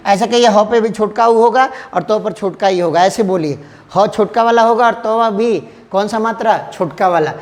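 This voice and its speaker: A man's voice: high-pitched, normal speed, big-room sound. A male teacher giving an exam-prep lesson, who keeps asking the class questions and answering them himself.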